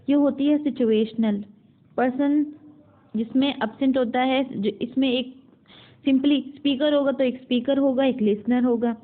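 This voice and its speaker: A woman with an Indian accent teaches a syllabus topic, walking through each point and then rephrasing it. Her voice sits a little high. The sound is narrow and phone-like, as if recorded on a basic device. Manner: explains in Hindi mixed with English terms, repeating and rephrasing. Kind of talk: explaining a university English syllabus topic.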